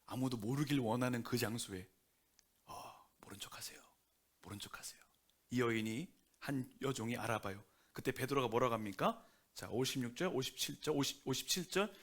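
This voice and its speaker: A man preaching a Sunday sermon as pastor, conversational and lively, often acting out quotes. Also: medium pitch, fairly quick. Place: church sanctuary.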